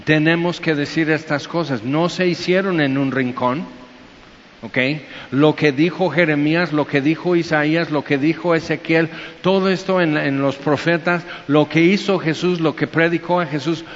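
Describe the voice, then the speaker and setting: A man preaching a conversational sermon, acting out voices in squeaky high tones. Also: normal speed. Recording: dull echoey hall with faint hiss.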